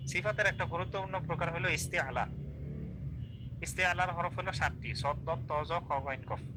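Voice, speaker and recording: A man's voice: on the high side, noisy background. A man teaching an online class, explaining step by step, repeating drills and asking checking questions. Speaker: Quran recitation teacher.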